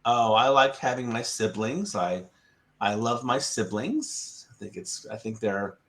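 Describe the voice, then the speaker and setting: In a low-leaning voice at a measured pace, an American man leads casual English conversation practice. He patiently repeats what his student says and chuckles frequently.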